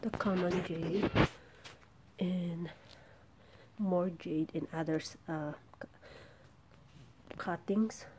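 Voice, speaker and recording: A woman giving a casual, halting, rambling vlog narration outdoors in a backyard, filming with a handheld camera. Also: lowish voice, fairly even intonation. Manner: informal, halting, rambling delivery. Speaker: vlogger showing their plants. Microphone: handheld camera, behind the lens. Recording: outdoor background noise.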